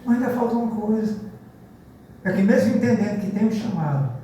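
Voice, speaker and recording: A pastor preaching a sermon in a church, telling stories and acting out the people in them. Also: male voice, sits high, fairly quick, slight background noise. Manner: lively storytelling preacher, acts out dialogue. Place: large church hall. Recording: very echoey church from far off.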